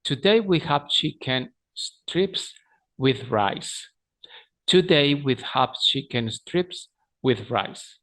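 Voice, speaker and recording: A man reading the part of a polite adult male restaurant waiter in a textbook dialogue, pronouncing each line slowly and carefully. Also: fairly high pitch, lively intonation, fairly bright tone, heavily acted. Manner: slow, carefully pronounced reading of English lines.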